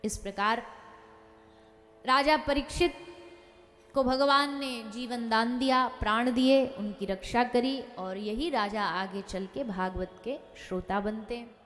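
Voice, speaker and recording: A woman's voice: a little high, takes it slowly, fairly bright tone, big-room sound. A woman giving a devotional scripture discourse, animatedly telling the story and acting out its dialogue. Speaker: religious storyteller.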